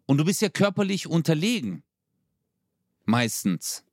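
A young man chatting casually on a podcast, telling an animated story with street slang. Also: on the high side, unhurried, no room sound, clean studio sound. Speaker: podcast co-host. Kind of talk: casual chat.

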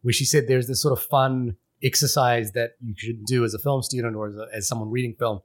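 A man's voice: medium pitch, steady tone, a little fast. A man from Fiji, a podcast co-host, talking through a film in casual, rambling chat full of restarts and fillers.

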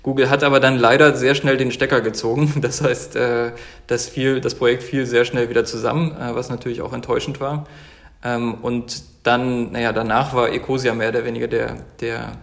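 Man, thirties, from Germany, earnest, halting, fillers and restarts, mid pitch. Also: little pitch movement, vocal fry. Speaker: guest, company founder. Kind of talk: casual interview talk.

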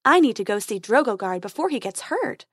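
A brave tooth fairy dentist talks briskly in a light, high voice, as a woman puts her on. She sounds close and dry, with no room around her. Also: sing-song, a bit bright, husky, no room sound, exaggerated voice.

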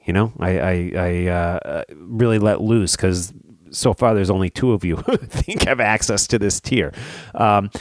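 A man's voice: fairly low pitch, no echo, studio quality. A man hosting a podcast in casual chat, rambling with fillers. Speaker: podcast host.

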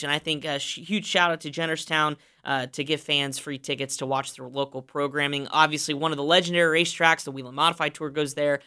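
A man's voice: on the high side, sharp tone, clean tone. A man co-hosting a racing podcast, recapping the week's races in an upbeat, emphatic way with many fillers. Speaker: podcast co-host.

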